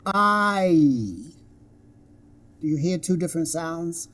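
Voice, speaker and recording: A pronunciation teacher speaking at a very slow, deliberate pace and drawing out each vowel for learners. The pitch rises and falls freely, and each sound is repeated several times so it can be copied. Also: animated, a little mellow. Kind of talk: live online pronunciation lesson.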